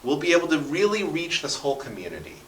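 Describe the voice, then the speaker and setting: Telling stories with enthusiasm and dramatic flair, a man in his thirties is a chatty guest on a radio interview. His fairly high, a bit bright voice is very animated and fast. He is recorded distant from the mic in a basement radio station studio with roomy echo.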